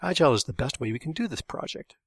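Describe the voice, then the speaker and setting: A man's voice: medium pitch, lively intonation, quick pace, husky, dry recording, studio quality. A man doing a snarling arrogant developer. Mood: combative. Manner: snarling, loud, dismissive. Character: arrogant rogue male developer, combative.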